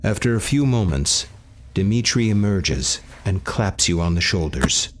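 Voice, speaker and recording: A man narrating a story in the second person as game master, calm and steady. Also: sits low, unhurried, a little hiss or hum. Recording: faint music behind.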